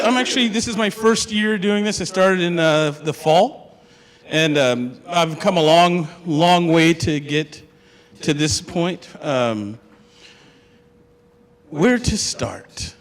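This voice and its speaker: A young man from Hawaii, a student, telling his story to an audience in a chatty, joking way and asking them questions. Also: high-pitched. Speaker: student speaker. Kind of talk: humorous personal storytelling talk. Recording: long hall reverb.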